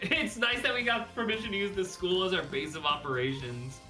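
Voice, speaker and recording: A woman playing a game with a friend, joking and swearing, voicing male characters in a deeper voice. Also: a little fast, over music. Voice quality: swearing, playful, puts on a deeper voice for men. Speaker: let's play co-host voicing game characters.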